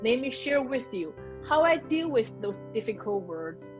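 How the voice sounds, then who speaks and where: A woman's voice: a little high, big pitch swings, unhurried, dull audio, soft background music. A woman who learned English as a second language, an author carefully practicing the pronunciation of hard words with her coach. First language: not English. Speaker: author learning audiobook narration. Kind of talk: recorded coaching session.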